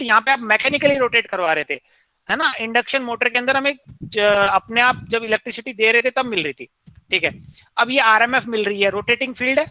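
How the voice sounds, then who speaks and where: A man's voice: very high-pitched, bright, forceful tone, dry recording, poor audio. A man giving a classroom engineering lecture, posing questions to students and answering them himself, mixing in English technical terms.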